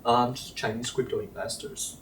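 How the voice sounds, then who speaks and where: A man in his thirties from Taiwan, a crypto channel creator, answering interview questions in a casual, halting way full of fillers. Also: mid-range voice, fairly even intonation. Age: 30s. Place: Ledger's Paris headquarters. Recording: roomy, distant, faint background noise.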